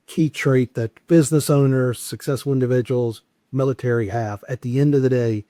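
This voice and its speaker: A man hosting a casual interview, asking questions in a relaxed way with fillers. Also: medium pitch, normal speed, dry recording, clean studio sound. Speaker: podcast host.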